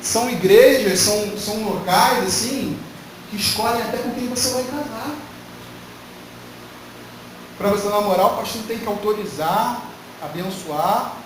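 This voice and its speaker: A man with a fairly high voice preaches emphatically, firing rhetorical questions at his congregation. He is picked up from a distance, so the voice sounds set back from the mic. His words ring through a very echoey hall over a faint hiss. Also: unhurried, long pauses. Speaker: pastor. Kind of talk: sermon. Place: church hall.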